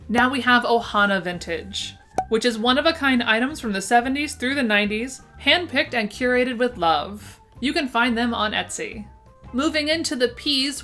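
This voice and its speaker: Presenting a vintage shop roundup to camera, this woman enthusiastically narrates a scripted list with music behind her. Her slightly high, somewhat bright voice carries a lisp that makes her s slushy.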